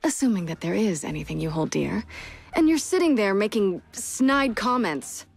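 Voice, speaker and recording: Stern commanding female agent in a game cutscene, firm, businesslike, mid pitch. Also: lively intonation, normal speed, gravelly, slightly rough, faint music behind. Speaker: interrogating agent. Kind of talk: video game cutscene voice acting.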